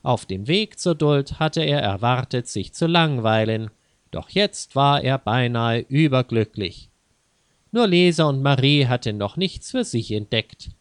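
Guy calmly reading a kids' story, slow, crisp voice, dry close mic. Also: medium pitch, dry recording. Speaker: narrator. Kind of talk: reading a children's story aloud.

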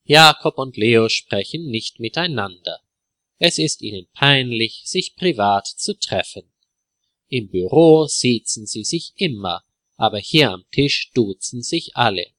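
A man narrating a simple story in a clear, deliberate way for language learners. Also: mid-range voice, expressive, sharp tone, dry recording.

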